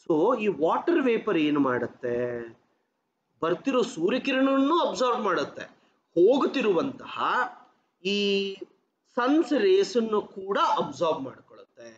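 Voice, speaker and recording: A man's voice: sits high, big pitch swings, normal speed, lo-fi sound, a little hiss or hum. A man teaching a geography lesson to exam students, mixing in English terms and asking questions that he answers himself. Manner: mixes English terms into his talk.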